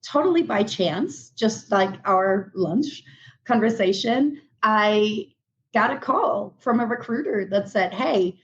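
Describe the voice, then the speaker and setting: A woman's voice: mid-range voice, takes it slowly. Woman from Denmark on dull lo-fi audio. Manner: relaxed storytelling with fillers. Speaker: guest, product specialist. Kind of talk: casual interview.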